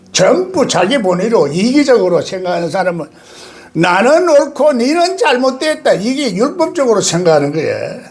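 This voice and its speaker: An older pastor delivers a sermon in a high, sing-song voice. His pitch leaps around constantly, and he breaks into sudden loud outbursts and laughter.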